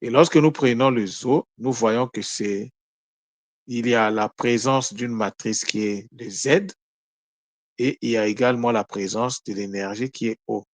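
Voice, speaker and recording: A man giving a daily spiritual teaching, explaining words slowly and carefully with frequent pauses. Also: medium pitch, no echo. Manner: slow, measured, explaining word by word with pauses.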